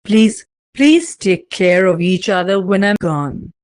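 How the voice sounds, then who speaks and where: A gentle young father, weak from a grave illness, speaks in a soft and shaky voice in a read-aloud story, as a woman narrator voices him. The voice sits in a middle register and is recorded dry and close, with no room sound. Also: medium pitch, animated, slow, no echo. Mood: tearful. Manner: soft, shaky, tearful delivery. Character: weary, tender young father, gravely ill.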